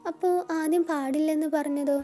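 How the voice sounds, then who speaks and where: A woman's voice: high-pitched, steady tone, a little fast, mellow, faint music behind, lightly acted. A woman voicing a playful, affectionate young heroine in a storybook narration, with a sweet, coaxing manner.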